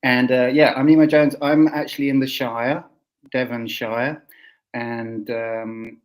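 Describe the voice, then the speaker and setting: A man's voice: mid-range voice, flat delivery, a little slow. A man with a southern English accent hosting an informal roundtable, thinking aloud and often rephrasing. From Essex, England. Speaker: host.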